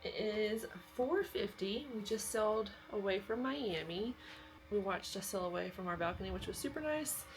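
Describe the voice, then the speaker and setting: A chatty Southern woman records a cruise vlog on her phone, upbeat and full of practical tips. Her voice sits in a normal range for a woman. The steady hum of the ship comes through clearly behind her. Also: medium pitch, normal speed, poor audio. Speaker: travel vlogger and travel agent. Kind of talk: casual travel vlog.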